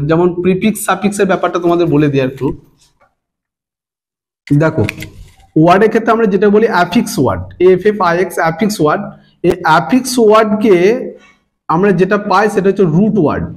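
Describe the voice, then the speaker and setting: A man with a Bengali accent teaching English grammar to students, explaining patiently, repeating himself and spelling words out letter by letter. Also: high-pitched. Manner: stretches long words out slowly, syllable by syllable.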